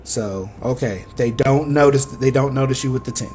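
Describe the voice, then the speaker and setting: A man's voice: medium pitch, normal speed, a little mellow, slight background noise. A young man acting as game master, narrating in a rambling, self-correcting way with casual swearing.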